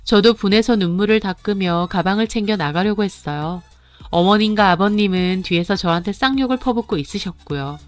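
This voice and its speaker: A woman narrating a dramatic radio story in the first person, telling it in an expressive, confiding way. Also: mid-range voice, fairly quick, soft background music.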